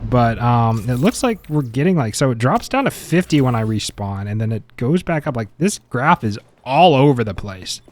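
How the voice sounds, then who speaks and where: A man's voice: medium pitch, very animated, normal speed, hardly any pauses, darkish tone. A man giving casual, opinionated gameplay benchmark commentary, chatty and mildly exasperated. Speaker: gaming content creator.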